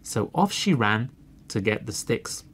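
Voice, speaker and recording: A man reading a children's fairy tale aloud, slow and expressive. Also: lowish voice. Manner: slow and expressive, clearly read for learners. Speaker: storyteller. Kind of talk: storybook reading.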